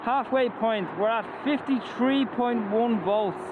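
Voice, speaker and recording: Taking it slowly, a scooter reviewer from Ireland gives enthusiastic vlog commentary in a very high voice and an Irish accent while riding an electric scooter outdoors by roads. He has on a helmet and mask, and the narrow, tinny audio carries road noise from traffic and wind.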